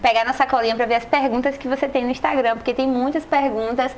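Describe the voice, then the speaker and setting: A woman's voice: high voice, steady tone, fast talker, a little hiss or hum. A woman hosting a podcast interview, reading listener questions in a playful, casual way. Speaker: podcast host.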